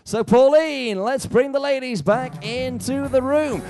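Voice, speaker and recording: A man's voice: very high-pitched, a little slow, mellow, a little hiss or hum. An upbeat, playful man working as a cruise director, hosting a live game show with comic banter.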